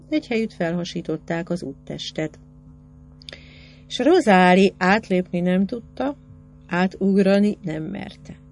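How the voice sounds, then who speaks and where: A woman narrating a novel in an expressive literary reading, with lively rises in pitch. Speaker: audiobook narrator.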